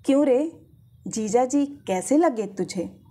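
A woman voicing a meek, hunchbacked older woman who pleads and speaks shyly, in a husky voice. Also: high voice, animated, slow pace, warm tone, voice pushed up, full character voice. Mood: coy. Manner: pleading, shy.

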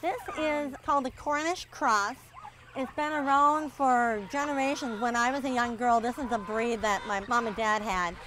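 A woman's voice: a little high, fairly even intonation, moderate pace, fairly bright tone, a little hiss or hum. A middle-aged woman farmer from Minnesota, chatting easily while giving an outdoor farm tour, with lots of "you know" fillers. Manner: easygoing, folksy, many "you know" fillers. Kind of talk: casual farm tour interview.

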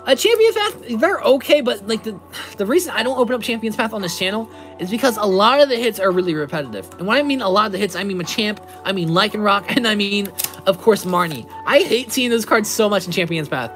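A woman's voice: mid-range voice, lively intonation, fast talker, faint music behind. A woman in her twenties streaming live, upbeat, reading out card names and answering chat as she opens packs. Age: 20s. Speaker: card-opening livestreamer. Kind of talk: live card-pack opening. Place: indoors at a table with a playmat.

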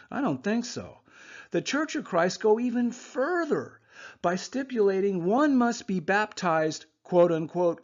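A man giving a conversational Bible lesson over slides, often checking in with "okay?" asides. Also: sits high. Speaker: Bible teacher. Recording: muffled lo-fi voice recording.

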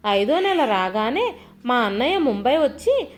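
Female storyteller, first-person narration, lively pitch, slightly high voice. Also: unhurried, a little hiss or hum. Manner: expressive, voices quoted lines with pitch shifts.

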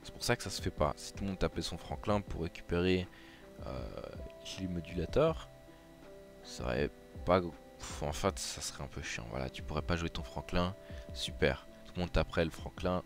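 A man's voice: low-pitched, animated, normal speed, gravelly. A man from France explaining a mobile strategy game over a screen recording, chatty and hesitant, with many fillers and restarts. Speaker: gaming YouTuber. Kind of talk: casual game tutorial commentary. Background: background music.

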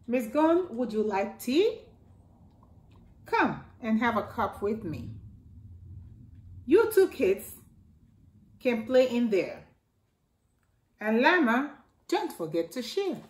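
Reading a picture book to children, a middle-aged woman takes it slow and expressive, leaping upward in pitch for exclamations and when voicing a toy. The recording comes from an echoey living room beside a staircase.

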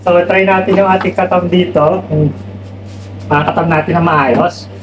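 A man's voice: sits high, moderate pace. A man with a Filipino accent talks casually in his workshop, explaining a tool as he tests it. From Philippines. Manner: relaxed, explaining while testing a tool. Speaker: woodworking vlogger. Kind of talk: casual demo talk mixing Tagalog and English. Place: home woodworking workshop, indoors. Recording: loud workshop noise behind.

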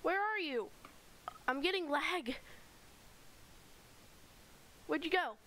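A woman's voice: high-pitched, lively intonation, unhurried, pushed and bright, a little hiss or hum, low-quality recording. A woman hosting a casual game let's play, chatting in a rambling way as she gives a tour with fillers. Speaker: gaming channel host.

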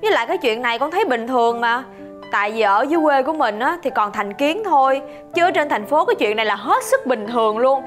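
A high, lively young woman's voice, earnest and explaining in a TV family drama. Soft background music runs under it. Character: young city woman, outspoken and open-minded.

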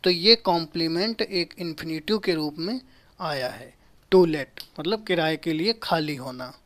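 A man in his thirties teaching a grammar lesson at a whiteboard in a small room. He explains slowly, repeats key terms and answers his own rhetorical questions. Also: fairly high pitch, fairly bright tone.

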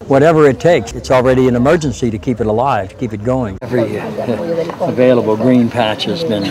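A man giving a measured, earnest interview outdoors. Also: mid-range voice, very noisy.

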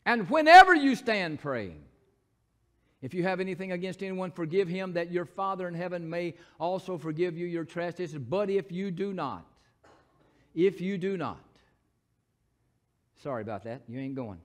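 A man with a Southern accent, a pastor preaching a sermon in church, moving between shouted scripture and quiet, folksy asides. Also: expressive, moderate pace. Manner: preaching, swings from shouted proclamation to low asides. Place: church sanctuary.

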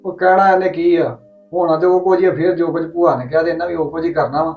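A man's voice: on the high side, fairly even intonation, fast, phone-quality sound, soft background music. A man with a Punjabi accent playing a stubborn husband speaking over the phone in a family drama, grumbling.

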